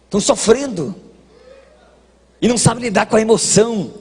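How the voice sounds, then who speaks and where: A man with a Brazilian accent delivers a sermon in a large church, his high voice carrying a husky edge. He teases the congregation with homely jokes, then rises into shouted exhortation. The long hall reverb rings behind every phrase. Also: expressive, normal speed. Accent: Brazilian Portuguese. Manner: folksy, joking, shifts between quiet asides and shouted exhortation. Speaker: pastor.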